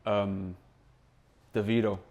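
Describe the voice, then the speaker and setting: A man's voice: on the low side, flat delivery, slow, a little mellow, lo-fi sound. A young man with a London roadman accent, hosting a casual podcast chat in informal street slang and banter. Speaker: podcast host.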